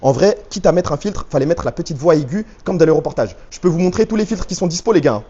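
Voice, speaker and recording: Man streaming live, quick chatty slang, slightly raised pitch, dull lo-fi phone audio. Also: animated, warm tone, husky. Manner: slangy, joking banter with viewers. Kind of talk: casual live stream chat, reading chat aloud. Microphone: handheld phone rig with stabilizer.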